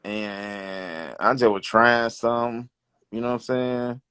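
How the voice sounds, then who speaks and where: A man's voice: medium pitch, flat delivery, slow pace, bright, forceful tone, clear, resonant tone, no room sound, clean studio sound. A man in his thirties with an Alabama Southern accent, chatting casually in a laid-back, slangy way with short answers. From Alabama, United States. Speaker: DJ and rapper, interview guest. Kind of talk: casual interview chat. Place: small wood-panelled room indoors. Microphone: phone at close range, video call.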